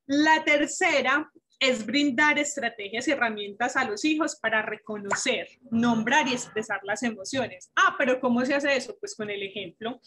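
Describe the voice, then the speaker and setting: A woman's voice: fairly high pitch, pushed and bright, husky. A woman giving an online talk to parents, explaining step by step and posing rhetorical questions. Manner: didactic, asks rhetorical questions.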